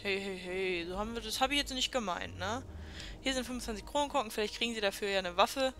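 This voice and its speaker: Bright-voiced woman doing game commentary. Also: mid-range voice, quick pace, soft background music. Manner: chatty, sarcastic, reads dialogue aloud. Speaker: let's play host. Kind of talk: gameplay commentary.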